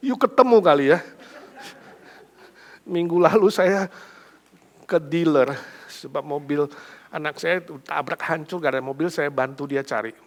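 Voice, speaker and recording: A middle-aged male pastor preaching a sermon, swinging dramatically between a hushed voice and loud emphasis. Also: a little high, slow, pauses often.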